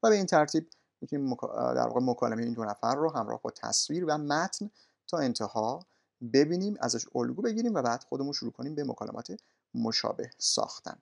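A male language teacher walking students through course materials in a polite, formal way, often pausing with "uh". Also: medium pitch, vocal fry. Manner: polite, formal, with frequent "uh" pauses. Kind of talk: recorded course walkthrough.

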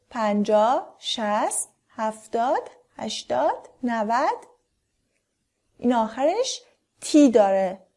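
High-voiced woman teaching English numbers. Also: dark tone. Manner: quick explanations, slow deliberate model words. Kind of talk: language lesson for learners.

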